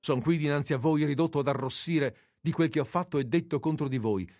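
A man reading aloud and voicing a proud young gentleman who speaks earnestly and pleadingly. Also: fairly high pitch, brisk, dry recording, clean studio sound, faint music behind, pitched above the performer's own voice, close to an everyday voice.

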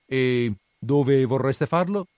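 A man voicing a pompous, quick-tempered wine magnate who bursts into shouted dialect insults. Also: medium pitch, smooth, no echo, clean studio sound, voice pushed up, natural voice. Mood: condescending. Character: irate pompous male wine magnate, middle-aged.

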